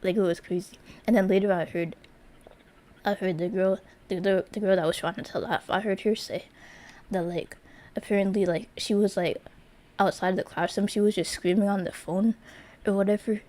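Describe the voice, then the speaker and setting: A woman's voice: medium pitch, steady tone, moderate pace, warm tone. A young woman streaming live, telling a story to her chat in a rambling, casual way with lots of fillers and restarts. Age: young adult.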